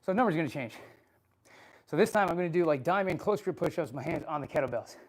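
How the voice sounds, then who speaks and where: A man's voice: on the high side, expressive, fast. A man answering live chat questions while working out at home, out of breath, casual and swearing freely. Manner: casual and profane, laughing often. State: out of breath from exercise. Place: home workout space.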